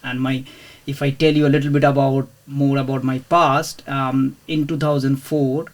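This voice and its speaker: A man in his thirties from India, talking as an interview guest at a middling pitch. He speaks hesitantly, with many fillers and restarts, in a casual way. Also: little pitch movement, normal speed. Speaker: podcast guest, property investor.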